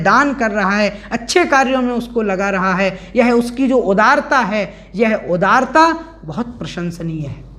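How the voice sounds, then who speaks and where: A man teaching an online scripture class, explaining verses word by word and chanting them slowly. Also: very high-pitched, a bit bright. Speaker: religious teacher.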